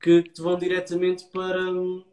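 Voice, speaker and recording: The adviser, a man with a European Portuguese accent, speaks with a completely flat, slightly mellow, high voice at a fairly quick clip while reviewing a website. His casual, explanatory advice is dotted with short tag questions, and the room echoes.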